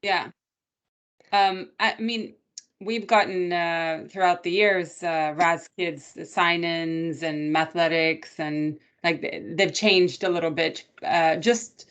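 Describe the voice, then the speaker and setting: A woman's voice: fairly low pitch, steady tone, takes it slowly, fairly bright tone. A woman parent asking the teacher questions in an online meeting, hesitant with many ums. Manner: hesitant, many fillers and restarts. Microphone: video call.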